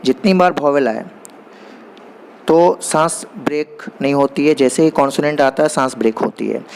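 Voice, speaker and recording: A man teaching basic grammar, explaining in Hindi and reading definitions slowly and deliberately. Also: on the high side, gravelly, a little mellow, slight background noise. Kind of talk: explanatory lesson.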